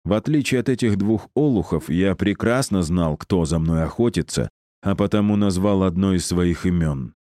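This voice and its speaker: A man's voice: deep voice, moderate pace, warm tone, no echo, studio quality, close to an everyday voice. A man voicing an arrogant, cruel male necromancer who mocks and insults his captives. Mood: mocking. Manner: mocking, condescending, insulting.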